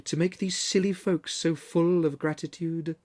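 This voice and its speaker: A narrator voicing a grave, soft-spoken spirit in a storybook reading. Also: medium pitch, steady tone, normal speed, voice pushed up, close to an everyday voice. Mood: solemn. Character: solemn spirit, quiet and grave.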